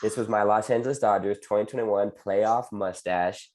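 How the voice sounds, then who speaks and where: Bay Area man, low and mellow, rambling sports-podcast co-host. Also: moderate pace. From San Francisco Bay Area. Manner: relaxed, rambling, lots of fillers. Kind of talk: casual sports chat.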